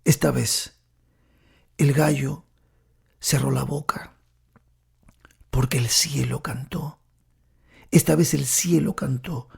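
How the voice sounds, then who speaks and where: A man preaching a sermon, telling the story dramatically and often dropping to a hushed whisper while speaking directly to the listener. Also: medium pitch, fairly even intonation, slow, creaky, pauses often, husky.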